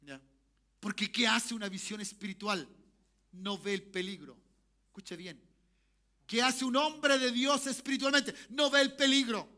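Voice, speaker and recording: High bright pastor preaching. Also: male voice, unhurried, pauses often. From Chile. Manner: swings from soft to shouting, calls for amen. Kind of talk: sermon. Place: church sanctuary.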